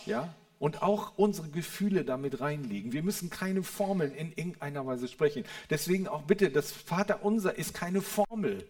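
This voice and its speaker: Earnest preacher, hushed to fervent. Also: male voice, on the high side, lively intonation, normal speed, hardly any pauses. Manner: addresses listeners with a questioning "Ja?". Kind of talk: sermon.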